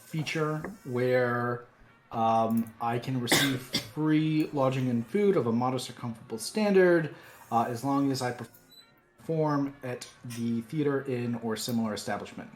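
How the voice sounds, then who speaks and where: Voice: mid-range voice, a little slow. A player in a casual tabletop game, talking hesitantly with many fillers. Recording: roomy sound, faint music.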